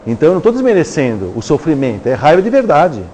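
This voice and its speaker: A man's voice: fairly high pitch, very animated, fast, dark tone, a little hiss or hum. Chatty brazilian man giving a lecture. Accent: Brazilian Portuguese. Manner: conversational, acts out dialogues, frequent "né?" tag questions. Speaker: spiritist lecturer. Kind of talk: live lecture. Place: lecture hall at a live event.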